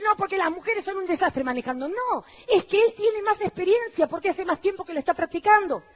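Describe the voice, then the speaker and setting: A woman pastor with an Argentine accent preaching a lively sermon to her congregation, firing rhetorical questions at them and mimicking the people she quotes in a low, mocking voice. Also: dull audio. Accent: Argentine Spanish.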